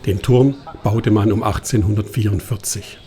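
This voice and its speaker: A man narrating a travel documentary in a calm, measured scripted voice-over. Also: fairly low pitch.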